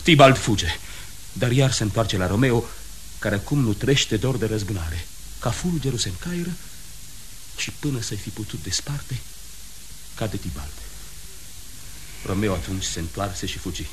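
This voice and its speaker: A man's voice: on the low side, expressive, a little hiss or hum, lightly acted. A man voicing an earnest young nobleman in a radio play, recounting a deadly sword fight in careful detail. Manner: measured, detailed retelling. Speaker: Benvolio.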